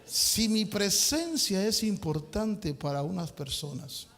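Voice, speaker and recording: A pastor delivers his sermon in a high, bright voice, slow and deliberate. He swings between shouted declarations and hushed asides. The sound rings with long reverb from a large hall. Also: sing-song.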